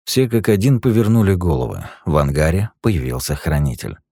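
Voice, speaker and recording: A man narrating an action audiobook in a steady storytelling manner. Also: sits low, brisk, husky, no room sound, studio quality.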